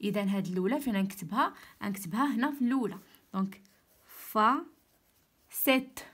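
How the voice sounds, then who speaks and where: A woman with a Moroccan Arabic accent teaches French spelling in an online lesson. She speaks at a middling pitch and says each example word slowly, sometimes twice. Then she calmly explains how it is pronounced. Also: husky.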